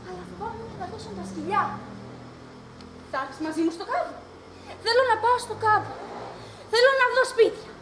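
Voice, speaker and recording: A woman's voice: extremely high pitch, expressive, long pauses, background noise. A woman on stage playing a mad old grandmother who longs for babies, rambling in a singsong and giggling, recorded live and echoey. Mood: dreamy. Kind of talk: amateur stage acting.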